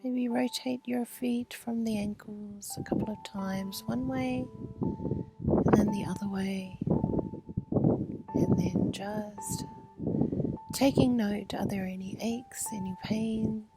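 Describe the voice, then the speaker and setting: A woman leads a guided meditation in a very slow, soothing voice, often softening into near-whispers. Her pitch sits in a comfortable middle range. Instrumental music plays clearly beneath her words, recorded outdoors at a retreat. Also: fairly even intonation. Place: outdoor retreat under a pyramid structure.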